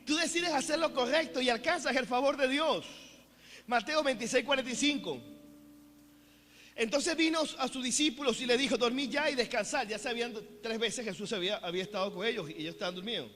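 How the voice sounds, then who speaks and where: A man with a Venezuelan accent preaching a sermon as a pastor. He is energetic and joking, and often calls out to the congregation to keep them engaged. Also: very high voice, brisk, a little hiss or hum. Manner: playful, mixes jokes into preaching. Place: church hall. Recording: echoey hall with faint music behind.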